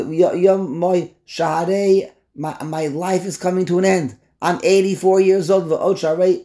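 Guy acting out an old patriarch, pleading and stumbly, mellowish higher voice. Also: dark tone, full character voice. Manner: emphatic, halting repetitions. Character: old man, a biblical patriarch pleading earnestly.

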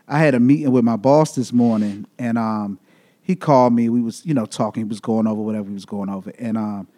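A man in his thirties hosting a casual podcast chat, laid-back and quick to laugh, slowing down as he gathers his thoughts. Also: fairly low pitch, fairly even intonation, warm tone. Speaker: podcast host.

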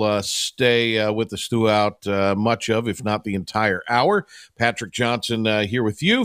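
A man's voice: medium pitch, a bit bright, no echo, clean studio sound. A man hosting an unscripted sports talk show, meandering along with many long hesitations. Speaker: sports radio host. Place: radio studio.

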